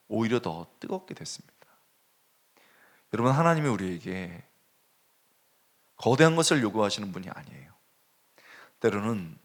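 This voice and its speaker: A male pastor preaching a sermon, telling a story with animated swings between hushed and raised delivery. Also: mid-range voice. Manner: animated storytelling, dropping to a hush and rising sharply.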